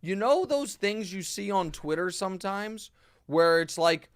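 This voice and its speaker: A man hosting a casual sports talk show, emphatic and animated, often restarting his sentences. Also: sits high, unhurried, clear, resonant tone, no echo, clean studio sound. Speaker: host.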